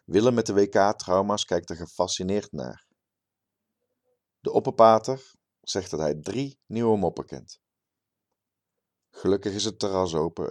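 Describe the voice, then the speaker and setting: A man reading a short story aloud in a dry, deadpan way. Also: deep voice.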